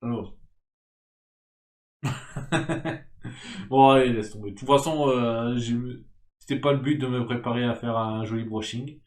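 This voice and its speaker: A man's voice: mid-range voice, unhurried, long pauses, darkish tone, echoey room. A young man casually commenting on a game he is playing, rambling and swearing with self-mocking asides, into a desk mic at home. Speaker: gaming YouTuber. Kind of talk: casual let's-play commentary. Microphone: desk mic without headset.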